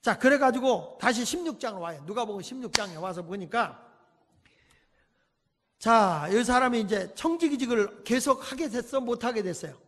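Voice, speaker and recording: A man preaching at a revival service in a church, telling folksy, animated stories and acting out the people in them. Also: extremely high pitch, moderate pace. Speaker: pastor. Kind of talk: revival sermon with acted anecdotes. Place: church sanctuary. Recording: long hall reverb.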